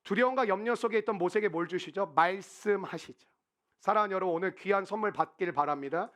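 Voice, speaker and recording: A man's voice: high voice, quick pace. A man preaching a conversational sermon as a pastor, acting out the quotes he tells. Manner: conversational, animated, acts out quotes. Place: church sanctuary.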